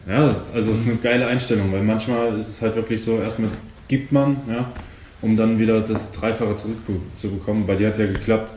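A man interviewing a guest in a relaxed, chatty way, agreeing often and using many fillers. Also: fairly low pitch, fairly quick. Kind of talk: casual interview. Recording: echoey room with faint noise.

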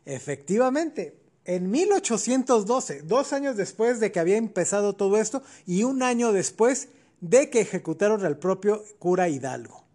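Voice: medium pitch, sing-song, moderate pace, darkish tone. A podcast co-host with a Mexican accent, explaining history in a casual chat with colloquial asides.

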